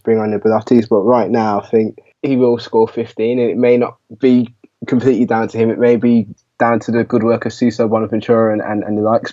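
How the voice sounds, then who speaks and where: A man speaks in a mellow, relaxed voice as an easygoing podcast co-host who agrees readily. His audio sounds dull and lo-fi, with the highs rolled off. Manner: agreeable, many "yeah"s and "you know"s. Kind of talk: casual fan podcast chat.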